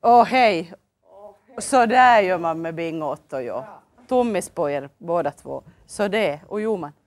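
A woman's voice: lowish voice, expressive. A woman with a Finland Swedish accent hosting a children's TV show, coaxing the kids with cheerful, sing-song questions. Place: local TV studio.

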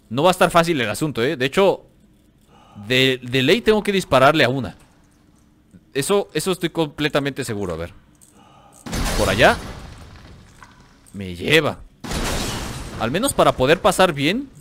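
A man with a Mexican accent giving excited, slangy commentary over his gameplay, joking, cursing playfully and talking straight to his viewers. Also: medium pitch. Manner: excitable, slangy, jokes and teases the enemies, talks straight to viewers. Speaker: gaming channel host. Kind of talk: let's play gameplay commentary.

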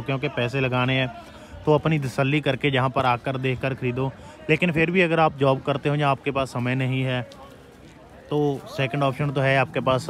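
A man hosting a farming channel at an outdoor cattle market, asking about cows and addressing farmers in a plain, steady way. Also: mid-range voice. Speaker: channel host. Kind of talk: presenting cattle rates to farmers.

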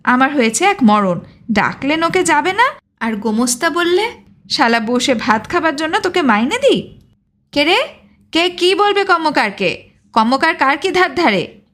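A woman's voice: high voice, very animated, a little slow, a bit bright, voice pushed up, exaggerated voice. Woman voicing a blustering village rent collector's man. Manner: blustering, pleading by turns.

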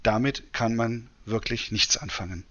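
A man presenting a software demonstration in tutorial narration. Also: mid-range voice, a little slow, lo-fi sound. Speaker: presenter demonstrating screen reader.

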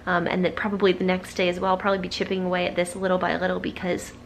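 A woman's voice: fairly low pitch, completely flat delivery, racing, a little hiss or hum. Chatty young woman vlogging. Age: young adult. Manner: chatty, upbeat, many fillers. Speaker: lifestyle vlogger. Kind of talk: casual voice-over narration. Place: bedroom at home, indoors. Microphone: handheld camera at arm's length.

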